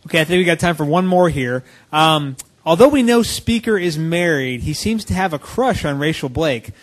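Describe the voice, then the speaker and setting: A man's voice: on the high side, animated, normal speed, a little hiss or hum. Hesitant podcast co-host, man. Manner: hesitant, with many fillers. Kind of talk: casual podcast chat.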